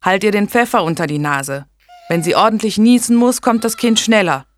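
A woman reading an audiobook and voicing a gruff, scornful old female midwife who growls her orders. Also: mid-range voice, very animated, unhurried, fairly bright tone, voice pushed up. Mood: bossy. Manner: growling, contemptuous.

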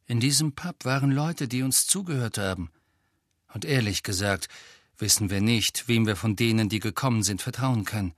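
A man voicing a blunt, hot-tempered teenage boy who is quick to blame others, in an audiobook reading. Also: on the low side, no echo, clean studio sound, close to an everyday voice. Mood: agitated.

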